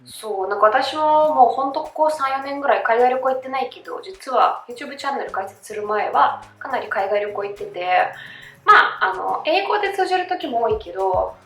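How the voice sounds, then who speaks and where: A woman's voice: high-pitched, animated, brisk, a bit bright. Chatty Russian woman speaking Japanese. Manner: chatty, many fillers, laughs easily. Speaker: host. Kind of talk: casual chat. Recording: roomy echo with faint background music.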